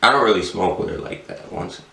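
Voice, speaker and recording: A middle-aged man who owns a tattoo shop chats as a podcast guest in a laid-back, slangy stoner drawl, yet he's animated and talks fast. His low voice is pushed and bright, with vocal fry. A distant mic leaves a roomy echo on the recording.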